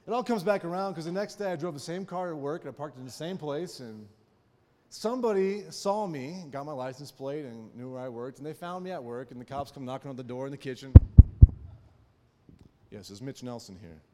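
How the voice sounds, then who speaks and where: A man's voice: a little high, lively intonation, a little fast, a little mellow, big-room sound. A man preaching a sermon, telling a personal story in a folksy way with frequent "right?" asides. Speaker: pastor.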